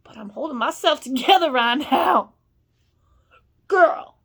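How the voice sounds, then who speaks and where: A woman with a fairly high voice talks in a loose, rambling monologue. She is blunt and swears freely. She drops to low murmurs, then rises into loud scolding. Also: lively intonation, moderate pace, creaky. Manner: blunt and profane. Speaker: vlogger.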